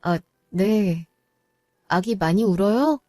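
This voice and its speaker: Calm, patient daughter-in-law acted by a woman, mellow mid voice, dry studio read. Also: medium pitch, slow pace, no room sound. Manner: calm, polite. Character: patient young wife, kind daughter-in-law.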